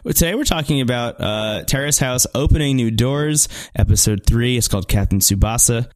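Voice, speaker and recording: A man's voice: mid-range voice, moderate pace, no room sound. Male, mid-range voice, under the weather, for loose comedic podcast chat full of joking tangents. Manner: jokey, profane, riffing in tangents; mouth not opening fully. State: sick with a cold. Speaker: podcast co-host.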